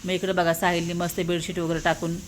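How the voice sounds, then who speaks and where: A woman's voice: fairly low pitch, monotone, fast talker, a little hiss or hum. A woman from Maharashtra in her thirties, a mother vlogging at home, chatting to viewers and explaining her chores step by step. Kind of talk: casual vlog narration to viewers.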